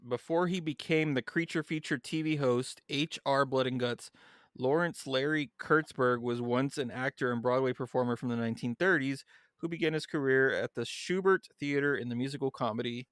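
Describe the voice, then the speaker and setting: A man's voice: medium pitch, moderate pace, fairly bright tone, clear, resonant tone, no echo, studio quality. A man co-hosting a podcast in a casual chat, reading background notes aloud and then chatting loosely. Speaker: podcast co-host.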